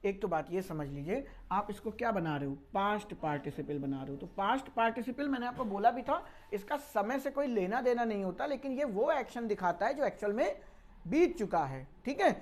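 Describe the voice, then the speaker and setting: A woman's voice: medium pitch, lively intonation, fairly quick, a little mellow. A woman teaching English grammar in a lecture, scolding and teasing her students. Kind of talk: classroom lecture.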